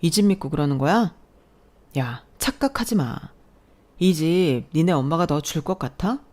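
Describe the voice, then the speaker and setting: A woman's voice: sits low, animated, normal speed. A woman voicing an angry young husband who talks down and bullies in a storybook drama. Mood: scornful. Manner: shouting, insulting, bossy. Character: angry young adult husband, blustering, scornful.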